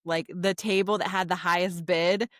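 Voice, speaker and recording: A woman's voice: lowish voice, fairly even intonation, moderate pace, a bit bright, no room sound, studio quality. A woman co-hosting a podcast, telling chatty, rambling anecdotes full of fillers in casual conversation. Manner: chatty storyteller, lots of "like". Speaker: podcast co-host. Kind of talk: casual chat.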